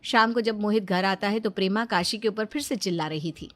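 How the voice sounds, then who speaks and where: A woman narrating a scripted cartoon story in an even, clear storytelling manner. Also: mid-range voice, a little fast.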